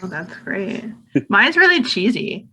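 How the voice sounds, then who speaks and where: A woman's voice: mid-range voice, big pitch swings, unhurried, bright, forceful tone. A talkative woman chatting on a podcast, speaking with emphasis. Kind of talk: casual chat.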